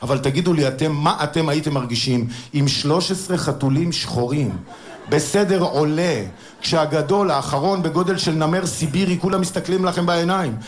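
A middle-aged man telling a stand-up story to a live audience, acting out the people in it. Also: fairly high pitch. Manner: animated, acts out other people's voices in quotes. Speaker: stand-up comedian. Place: stage before a live audience.

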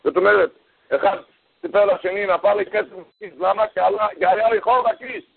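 A man giving a storytelling sermon, animated, his voice leaping high whenever he acts out the people in his story. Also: creaky, breathy edge. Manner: animated storytelling, voice jumping high for quoted characters. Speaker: rabbi giving a Torah talk. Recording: tinny phone-like radio broadcast.

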